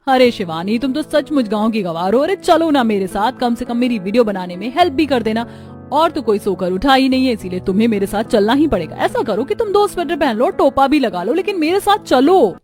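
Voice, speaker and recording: A woman's voice: on the high side, expressive, brisk, darkish tone, soft background music, close to an everyday voice. A woman voicing a vain, showy young city woman who mocks others. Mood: bossy. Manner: mocking, showy.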